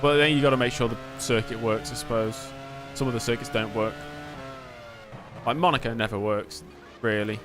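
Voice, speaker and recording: A man's voice: medium pitch, steady tone, moderate pace, pauses often, music in the background. A man live-streaming a game, giving casual commentary, replying to chat and muttering to himself.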